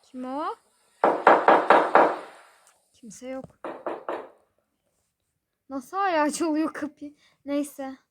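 A woman's voice: high-pitched, drawn-out words, long pauses, noisy background. A woman voicing a fussy, nagging mother in a toy-game role-play, grumbling with sighs. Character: fussy scolding mother of a family.

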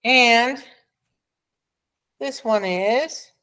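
Slow, encouraging preschool teacher woman. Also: on the high side, bright, forceful tone. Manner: slow, encouraging, sounds out letters. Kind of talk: children's phonics lesson.

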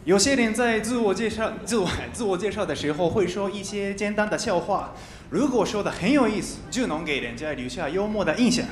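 A man's voice: high voice, expressive, fairly quick. A man in his twenties from Japan, a native Japanese speaker, doing stand-up with a Japanese accent and careful learner's phrasing on a handheld mic. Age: 20s. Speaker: stand-up comedian. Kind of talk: stand-up comedy monologue. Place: large TV studio stage with live audience. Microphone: handheld microphone. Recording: roomy stage sound with audience noise.

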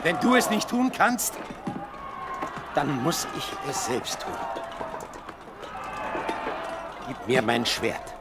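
An actor playing a proud, despairing king in a Bible radio play, speaking gravely and with command. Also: fairly high pitch, a little slow, over loud music, a loud crowd. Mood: desperate, proud. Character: proud, despairing defeated old king Saul.

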